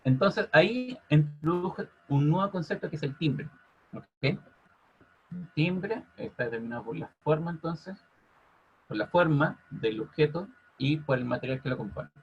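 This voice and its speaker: A man teaching a physics class over a video call, constantly checking in with his students by asking if it's clear. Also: on the high side, expressive, measured pace, faint music behind. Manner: checks in with "ok?" after nearly every phrase. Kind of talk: online class explanation. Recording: muffled lo-fi audio.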